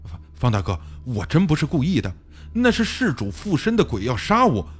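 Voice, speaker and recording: Frightened young man, played by a male narrator, stammering, pleading, lively pitch. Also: moderate pace, breathy edge, full character voice.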